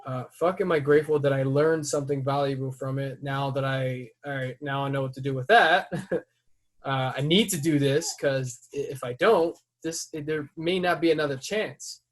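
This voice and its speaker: A man hosting a podcast who tells a story in casual chat. He swears freely and breaks into loud, heated outbursts as he retells it. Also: medium pitch, fairly even intonation, normal speed. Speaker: podcast host.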